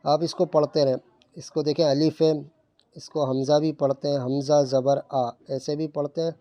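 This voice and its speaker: A man teaching Quran reading, switching between quick explanations and slow, carefully spaced syllable drills. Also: a little high, flat delivery, no echo, dull audio. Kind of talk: step-by-step recitation lesson.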